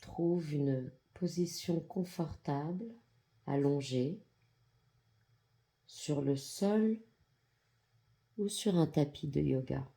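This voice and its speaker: In a yoga nidra practice, an androgynous voice of medium pitch with a gravelly texture offers brief, comforting instructions. The guided meditation feels extremely mellow and relaxed, delivered slowly and calmly as soft instructional narration, with measured phrases and ample pauses.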